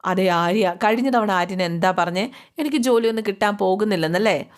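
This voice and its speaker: A woman's voice: mid-range voice, brisk, lightly acted. Eager, persistent young woman, played by a woman storyteller; earnest, chatty delivery.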